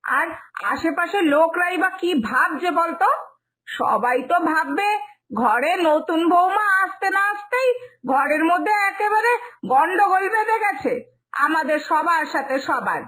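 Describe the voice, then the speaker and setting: A woman's voice: lively intonation, fairly bright tone, heavily acted. Woman putting on a stern mother-in-law. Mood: scolding. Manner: slow, scolding, lowered voice. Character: stern middle-aged mother-in-law scolding. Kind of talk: cartoon story voice acting.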